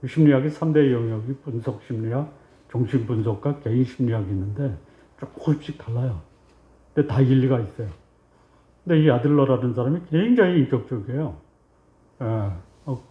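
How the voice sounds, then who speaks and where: A male pastor preaching a Sunday sermon in a reverberant sanctuary, on a slightly dull, muffled recording. His voice sits at an ordinary middle pitch. He keeps asking the congregation questions and answering them himself, sometimes acting out short back-and-forths between God and a believer. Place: church sanctuary.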